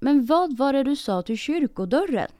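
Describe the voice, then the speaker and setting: A woman's voice: high voice, sing-song, dark tone, no room sound, clean studio sound, soft background music, voice pushed up. A woman voicing an earnest young king's son in a storybook reading, asking probing questions. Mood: questioning.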